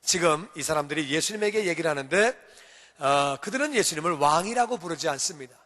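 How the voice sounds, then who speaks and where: A man's voice: a little high, lively intonation, a little fast, bright, forceful tone, long reverb tail. A male pastor preaching a sermon in an emphatic, repetitive way, pressing his points again and again with rising calls. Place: church sanctuary.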